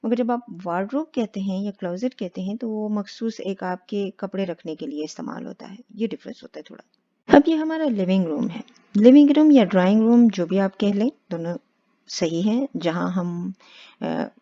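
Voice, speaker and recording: A woman teaching spoken English step by step, patient and slow on the English examples. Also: medium pitch, mellow. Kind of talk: explaining spoken English lesson. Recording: dull lo-fi sound.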